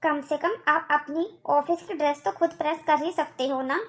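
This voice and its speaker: A woman's voice: high voice, steady tone, normal speed, close to an everyday voice. A woman voicing a quarrelsome young wife in a cartoon, complaining and arguing. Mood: angry. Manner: complaining, argumentative. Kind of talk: cartoon voice acting.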